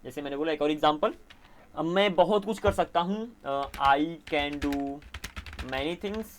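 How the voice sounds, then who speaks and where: Indian male English tutor, fairly high voice, patient explainer, faint typing behind. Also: measured pace, a little hiss or hum. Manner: explains patiently, often asks "theek hai na?"; mixes Hindi and English. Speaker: English teacher. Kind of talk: spoken English lesson.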